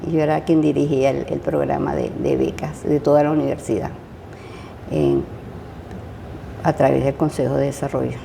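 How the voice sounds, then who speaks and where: An older woman with a Venezuelan accent, a retired chemistry professor recalling her years of teaching in an interview, pausing often with fillers and restarts. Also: rumbling low, animated, vocal fry, warm tone, slight background noise. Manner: hesitant, many fillers and restarts. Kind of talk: interview, casual recollection.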